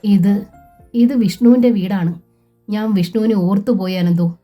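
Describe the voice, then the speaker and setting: A woman voicing a gentle young widow, pleading and emotional, in a storybook reading. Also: medium pitch, measured pace, faint music behind, lightly acted. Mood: tender.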